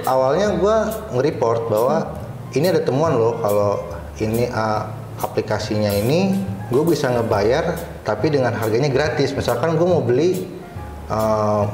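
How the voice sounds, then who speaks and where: An interview guest who works as a cyber security supervisor tells anecdotes informally, in slangy colloquial Jakarta Indonesian. His medium-pitched voice is animated, moderately paced, and darkish, with a roomy echo and faint music underneath.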